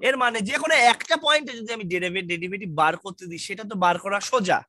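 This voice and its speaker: A man's voice: high-pitched, animated, rapid-fire, pushed and bright. A man with a Bangladeshi Bengali accent teaching a university math lecture online, reassuring and quizzing his students. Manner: reassuring, asks students questions, mixes English terms. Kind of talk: online lecture, casual explaining.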